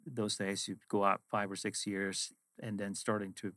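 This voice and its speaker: A fairly low, bright, forceful voice with a level tone and normal speed belongs to a middle-aged finance executive from Sweden. Speaking with a Swedish accent, his first language being Swedish, he tells reflective stories about his work as a guest in a casual interview chat. The sound is clean studio quality with no room sound.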